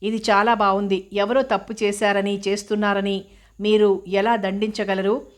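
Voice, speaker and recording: A sharp, probing male prosecutor, read out by a woman narrator in a storybook reading. He presses his questions in an even, flat tone with a sarcastic edge. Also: mid-range voice, moderate pace, close to an everyday voice.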